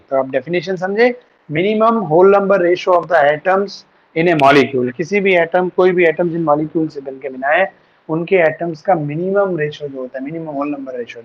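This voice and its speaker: A man teaching a chemistry class online, patiently talking students through formulas and mixing in English terms. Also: a little high. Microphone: online class setup. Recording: dull lo-fi sound.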